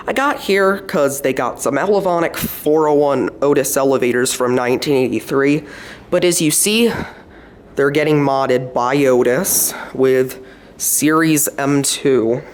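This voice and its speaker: Slow-talking man narrating an elevator ride. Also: mid-range voice, slight background noise. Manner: relaxed, pointing things out as he goes. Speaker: elevator enthusiast filming. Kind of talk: casual narration while filming. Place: hotel elevators and hallway, indoors. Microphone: handheld camera.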